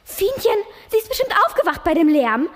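Casting: girl reading as hysterical mother, high and frantic. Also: very animated, fairly quick, big-room sound. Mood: panicked. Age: young. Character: panicked shrill mother in nightgown. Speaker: young reader in a reading contest.

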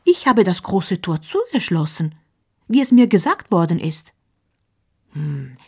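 A woman voicing an anxious young male guard who is hurried and defensive. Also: fairly low pitch, sing-song, dark tone, slightly rough, full character voice. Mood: puzzled.

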